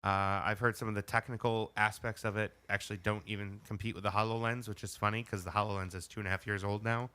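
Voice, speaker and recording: A man's voice: on the low side, little pitch movement, fast, few pauses, sharp tone. A man co-hosting a casual podcast, explaining things patiently with many fillers. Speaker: podcast co-host. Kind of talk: casual chat.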